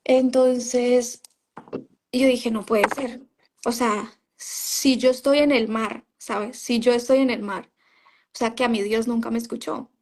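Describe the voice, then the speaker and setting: A former member of a religious group tells her story as an interview guest, speaking slowly in a fairly high, darkish voice with fairly even intonation. Her testimony is conversational and often quotes what she said back then, with frequent "¿sabes?" and "o sea".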